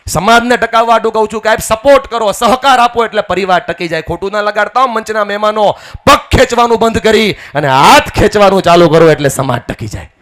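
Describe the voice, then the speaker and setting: A man gives a folksy, rousing stage speech at a community wedding and leads the crowd in loud chants. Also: fairly high pitch. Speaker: guest speaker at a community mass wedding.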